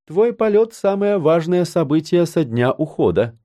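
Earnest space commander guy, voiced by the narrator, higher pitched and lively, audiobook. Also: normal speed. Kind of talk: audiobook character reading.

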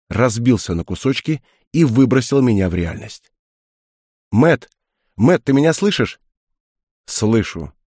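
A man reading a first-person story aloud in a measured, unhurried way. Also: medium pitch, darkish tone, no room sound, clean studio sound. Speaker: audiobook narrator.

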